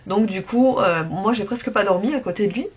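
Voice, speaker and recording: A woman's voice: mid-range voice, brisk, slight background noise. A woman with a sore, congested throat, chatting casually to her vlog viewers. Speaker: vlogger.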